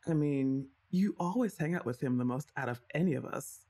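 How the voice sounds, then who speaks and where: A young voice actress with a low, mellow voice speaks at a normal speed, playing her best friend's older sister in an ASMR roleplay. She chats with and teases the listener playfully, laughing often.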